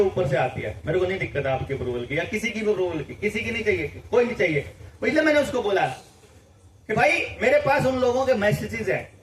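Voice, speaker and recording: A man's voice: sits high, slight background noise. A man leading a campaign, speaking informally to a gathering, emphatic and repetitive, firing off rhetorical questions. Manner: emphatic, repeats phrases, rising rhetorical questions. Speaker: campaign leader addressing supporters. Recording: echoey room, voice from far off.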